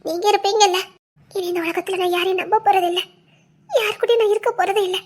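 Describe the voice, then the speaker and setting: A woman voicing a gentle, forgiving young wife in an audio drama, soothing and teasing, with a Tirunelveli Tamil accent. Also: extremely high pitch, fairly even intonation, brisk. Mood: tender.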